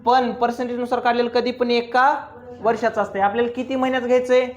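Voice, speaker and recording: A man teaching accounts to a classroom, firing quick questions at his students and teasing them as he drills each step. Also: extremely high pitch, little pitch movement, muffled recording. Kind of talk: classroom lecture.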